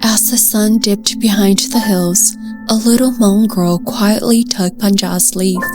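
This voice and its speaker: A woman narrating a scripted folk story in a soft, hushed voice that sometimes drops to a whisper. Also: medium pitch, fairly even intonation, music in the background. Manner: soft, slow and hushed, slipping into whispers at tense moments.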